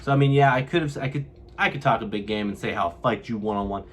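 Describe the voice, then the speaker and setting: A man's voice: lowish voice, quick pace, noisy background. A young man from California, telling a vlog story to camera and acting out what others said. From California, USA. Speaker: vlogger.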